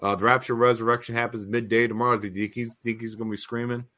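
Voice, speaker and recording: A man's voice: mid-range voice, little pitch movement, fast talker, a bit bright. A man co-hosting a live stream, talking earnestly and emphatically about prophecy timelines, often repeating his phrases. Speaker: co-host of a prophecy talk stream. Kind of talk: casual live-stream discussion.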